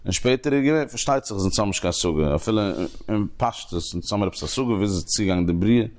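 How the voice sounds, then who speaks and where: A man teaching a Talmud lesson, explaining the text in halting phrases that he repeats and restarts. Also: on the low side, animated, darkish tone.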